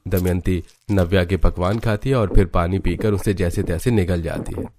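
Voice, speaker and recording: Man, story narrator, low voice, matter-of-fact delivery. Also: fairly even intonation, moderate pace, a little mellow, a little hiss or hum.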